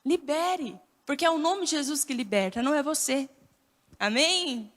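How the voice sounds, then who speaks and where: High-voiced woman preaching in a hall. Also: moderate pace. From Brazil. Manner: lively storytelling preaching with bursts of shouting. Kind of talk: sermon. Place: church. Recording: church hall reverb.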